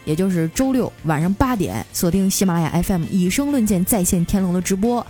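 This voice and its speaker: A woman podcast host telling comic stories in a lively, playful way. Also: lowish voice, soft background music. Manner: lively, playful with frequent drawn-out particles. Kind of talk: comic storytelling.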